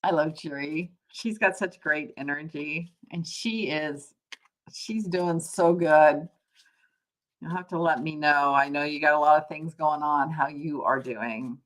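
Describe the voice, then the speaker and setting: A deep-voiced woman speaks unhurriedly as she hosts a relaxed live tarot reading. Her manner with viewers is conversational and thoughtful, and she rephrases things as she explains.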